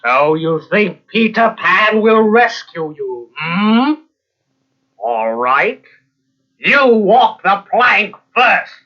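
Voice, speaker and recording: A man playing a villainous, scheming pirate captain for a children's storybook, with theatrical, drawn-out menace. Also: sits high, big pitch swings, pushed and bright, exaggerated voice. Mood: gloating menace. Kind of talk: children's storybook read-along acting. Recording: muffled cassette with music behind.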